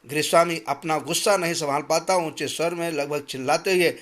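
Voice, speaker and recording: A man reading a textbook story aloud for a school class, pausing to explain hard words. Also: a little high, fairly even intonation, fairly bright tone.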